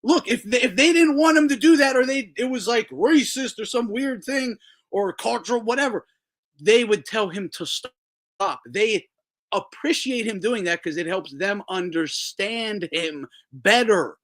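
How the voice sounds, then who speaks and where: A man hosting a casual boxing talk show, talking in a profane, animated way, laughing often and mimicking people. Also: high voice, measured pace. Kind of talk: casual chat.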